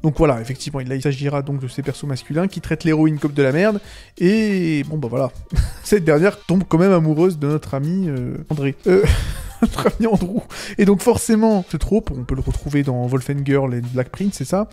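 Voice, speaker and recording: A young Frenchman talks through anime clichés in a loose, mocking commentary, often breaking into laughter. His voice sits a little high yet sounds dark and gravelly, with soft music underneath. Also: moderate pace. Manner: sarcastic, laughs often, frequent fillers and restarts. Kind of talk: casual video commentary.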